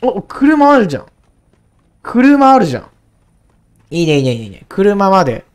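A young woman commenting on her own gameplay in a casual, chatty way. She talks to herself, and her words tumble out in quick repeated bursts whenever the game heats up. Her voice sits at an ordinary middle pitch for a woman. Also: big pitch swings, darkish tone. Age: 20s. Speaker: gaming YouTuber.

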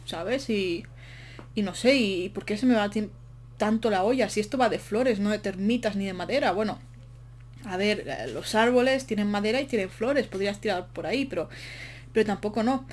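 Narrating casually as she builds in a game, a woman rambles breathlessly and pokes fun at herself along the way. She speaks at medium pitch and moderate pace in a darkish tone, with a little hiss or hum.

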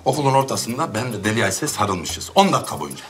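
A man's voice: fairly low pitch, sing-song, fast. An actor playing a teasing husband who banters jealously with his wife. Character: jealous, joking husband, playful and rapid-talking. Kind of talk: TV comedy-drama acting.

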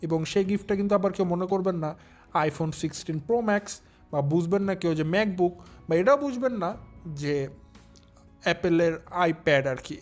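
A young man with a high voice hosts a casual commentary vlog and talks straight to his viewers. He mocks the people he discusses and drags out the words he wants to stress. Faint music plays under him. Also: a little mellow. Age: young adult. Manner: drawn-out emphatic stresses, mocking. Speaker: commentary channel host.

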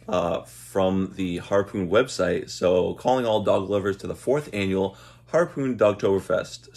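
A man in his thirties with a low, gravelly, darkish voice chats easily to camera, a bit hesitant, while unboxing something as a vlogger and dog owner. He's indoors in a small room at home, caught by the camera mic at arm's length.

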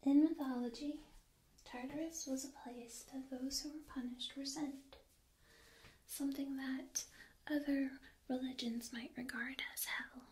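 A woman softly whispering an ASMR analysis in a slow, deliberate way, ear to ear into a binaural microphone. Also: high-pitched, steady tone, a little hiss or hum, poor audio.

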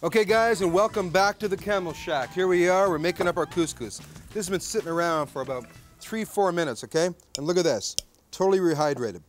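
A man's voice: sits high, a little fast, soft background music. Jokey man hosting an outdoor grill show. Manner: joking, chatty, keeps asking "okay?". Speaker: cooking show host. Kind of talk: jokey TV cooking demonstration. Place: outdoor backyard grill deck.

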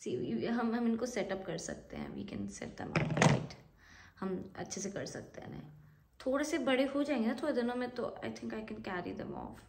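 A woman's voice: fairly high pitch, animated, moderate pace, background noise. A young woman vlogging at home into a phone camera, chatting playfully in a mix of Hindi and English and drifting into anxious half-whispered muttering. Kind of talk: casual self-filmed vlog. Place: home room.

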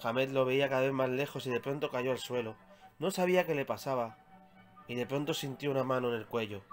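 A man from Spain reading aloud his own children's story, with measured, expressive storytelling. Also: medium pitch, faint music behind.

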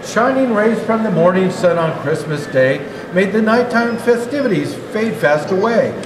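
An older man with a high voice reads a children's storybook as Santa Claus, expressively and at normal speed. The setting is an indoor natural history museum hall, so the sound echoes and the background is clearly noisy.

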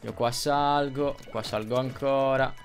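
A young man from Italy talks through a video game as he plays, excitable and quick to yelp when hit. He keeps repeating his words, and his delivery is unhurried between outbursts. Soft game music plays behind him. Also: mid-range voice, vocal fry. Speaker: gaming youtuber. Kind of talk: gameplay commentary.

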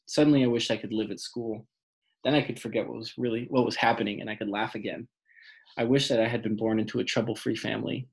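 A man narrating an audiobook in a measured, plain reading. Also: on the low side, husky.

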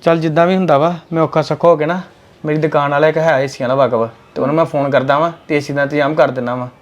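A man's voice: fairly high pitch, fairly even intonation, very fast, dull audio. A man playing an earnest, pleading brother in a family short film.

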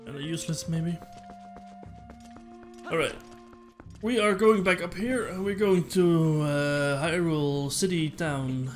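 High-voiced man muttering over a game. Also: slow, pauses often, faint music behind. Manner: mumbles asides while reading and puzzling aloud. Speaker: streamer. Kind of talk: casual gameplay commentary.

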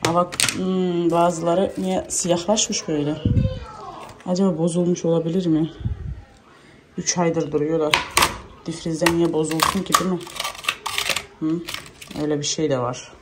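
Home-vlogger mom in her thirties, low-ish voice, chatty self-talk while cooking; recorded with a noisy kitchen. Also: steady tone, normal speed, pauses often. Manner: chatty, muttering asides to herself. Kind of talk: casual vlog chat while cooking.

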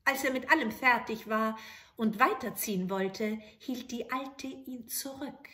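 Bright-voiced woman reading a fairy tale. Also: fairly high pitch, measured pace. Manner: calm, clear storytelling. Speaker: storyteller.

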